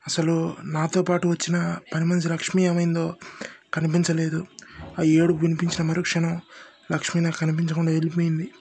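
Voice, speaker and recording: Man, horror storyteller, first-person narration, steady and tense, flat monotone delivery, slightly high voice. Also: brisk, creaky, pauses often.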